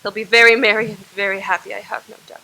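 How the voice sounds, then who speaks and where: A woman's voice: medium pitch, little pitch movement, fast talker, sharp tone, rough recording. An actress playing Mrs. Cratchit, a resentful mother, speaking in a biting, sarcastic way. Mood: bitter.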